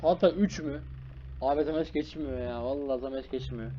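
A young man hosting a gaming channel, giving excited live commentary on a horror game and scolding its characters. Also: medium pitch, fairly quick, muffled recording, slight background noise. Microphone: desk microphone.

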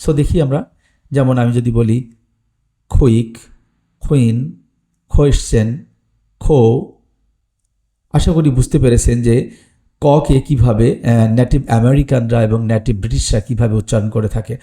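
A man's voice: mid-range voice, fairly even intonation, normal speed, mellow. A man teaching English pronunciation in an online lesson, explaining plainly with frequent "ah" fillers. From Bangladesh or West Bengal.

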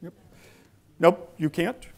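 This middle-aged guest speaker talks slowly through a conversational public lecture in a large hall. He starts on the lectern mic, then wears a clip-on mic and moves around.

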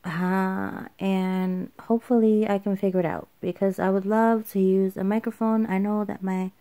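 A woman's voice: medium pitch, fairly even intonation, moderate pace, mellow. A woman doing a casual voiceover for her craft haul video, tired, rambling and correcting herself as she goes. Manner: rambling, self-correcting, with fillers. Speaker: craft vlogger. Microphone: home voiceover microphone.

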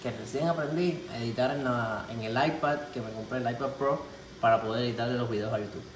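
Speaking in a mid-range voice at a fairly quick clip, a male cooking vlogger in his 20s fields questions in a relaxed, joking way, his Cuban accent clear. Faint noise and echo from his home kitchen come through.

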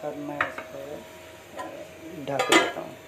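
Young male home-cook vlogger, monotone step-by-step delivery, phone mic in a kitchen with frying in the background. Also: fairly high pitch, takes it slowly, very noisy. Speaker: cooking vlogger. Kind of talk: casual cooking narration. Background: frying and sizzling in the pan.

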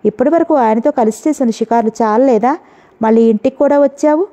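A woman voicing a jealous young wife who speaks in sharp, sarcastic taunts, read in a storybook. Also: on the high side, a little fast, lightly acted. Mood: bitter. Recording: dull lo-fi audio.

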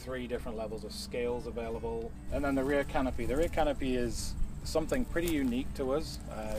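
Man explaining farm machinery outdoors, flat delivery. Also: medium pitch, distant mic. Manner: casual, many fillers, explanatory. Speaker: product specialist. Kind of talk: outdoor product demonstration. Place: outdoors at a farm equipment show.

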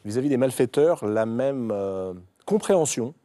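A man hosting a televised book show, asking measured questions and reading passages aloud. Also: medium pitch, expressive, dark tone, no echo, clean studio sound. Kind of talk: studio interview. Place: TV studio.

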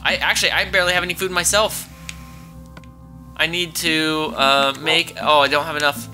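A man's voice: a little high, flat delivery, moderate pace, bright, forceful tone, faint music behind. A man casually commentating a video game he plays with his child, chatty and exclaiming as he thinks aloud. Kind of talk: casual let's-play commentary.

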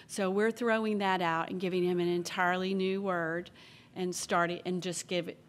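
A woman acting as pronouncer at a spelling bee, reading out words, definitions and sample sentences in a measured, plain way. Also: on the low side, little pitch movement, a little hiss or hum. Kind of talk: announcing words at a public contest.

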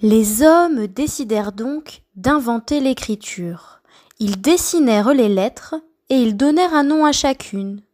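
A woman reading a children's story aloud, slowly and expressively. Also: fairly high pitch, animated, darkish tone.

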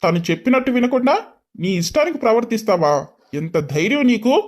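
A man voicing a stern, controlling father in an animated storybook, speaking in a commanding, scolding way. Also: very high voice, a little fast. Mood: angry scolding. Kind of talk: storybook voice acting.

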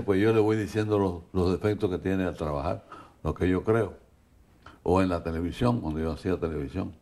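An older man answering interview questions in a relaxed way and telling short anecdotes. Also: lowish voice.

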